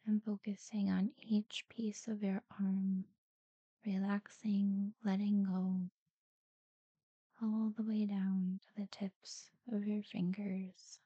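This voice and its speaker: A woman guiding a sleep meditation in a soft, breathy near-whisper, soothing and unhurried, with long pauses between short phrases. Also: medium pitch, little pitch movement, no echo, muffled recording. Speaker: guided relaxation narrator. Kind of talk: guided sleep meditation talkdown.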